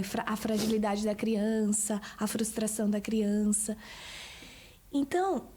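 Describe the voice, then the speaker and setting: A woman's voice: on the high side, mellow. A woman, a sleep consultant, chatting as a podcast guest and often chiming in with agreement. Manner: chatty, frequent agreeing interjections. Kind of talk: casual podcast chat.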